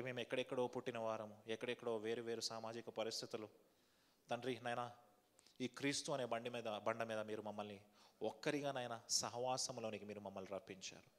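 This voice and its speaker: A man's voice: mid-range voice, fairly even intonation, brisk, in a large hall. A man pastor preaching a sermon, asking the congregation questions and leading a fervent prayer. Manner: repetitive fervent prayer cadence. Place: church hall.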